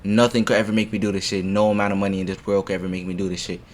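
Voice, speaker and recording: A young man reacting to a video in casual commentary, excitable and full of profane slang and repeated "bro". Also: low-pitched, rapid-fire, slight background noise.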